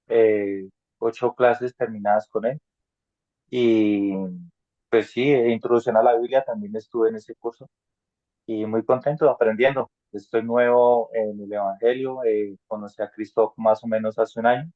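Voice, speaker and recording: A man's voice: medium pitch, dry recording. A man, new to the faith, introducing himself plainly with hesitant fillers on a video call. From Colombia. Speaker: new Bible student. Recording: tinny phone-like call audio.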